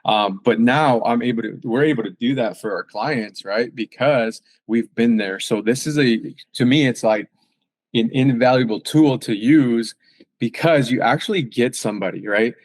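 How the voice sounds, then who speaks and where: A man's voice: medium pitch, moderate pace, dry recording. A man who works as a fitness and nutrition coach, talking casually and emphatically, with lots of fillers and tag questions. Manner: casual, emphatic, many fillers and "right?" tags. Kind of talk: casual podcast conversation.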